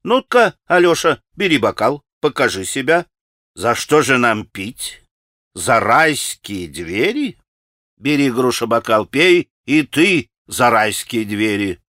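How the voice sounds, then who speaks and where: A man's voice: mid-range voice, big pitch swings, takes it slowly, bright, forceful tone, no room sound, studio quality, full character voice. A male audiobook reader plays a mocking, spiteful young man who taunts and jeers. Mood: boisterous. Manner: taunting, sarcastic.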